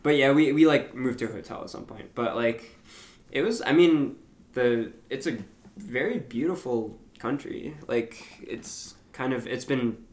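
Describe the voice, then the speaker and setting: A man's voice: mid-range voice, unhurried, darkish tone. Rambling young man in an echoey room. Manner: rambling, hesitant, lots of fillers and laughs. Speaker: podcast co-host. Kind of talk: casual chat.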